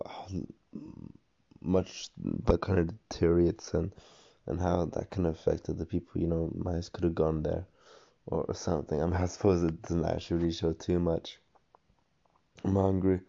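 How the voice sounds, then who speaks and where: His voice deep, flat and gravelly, a young man rambles in slang, stumbling over false starts and leaning on fillers. He sounds hoarse and tired, and the recording itself comes across as dull and lo-fi.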